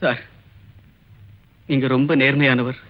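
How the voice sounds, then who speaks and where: A man's voice: mid-range voice, steady tone, measured pace, lightly acted. An actor playing a dignified young college student who pleads his innocence in earnest, respectful speech. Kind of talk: 1980s film acting. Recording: dull old film soundtrack with music.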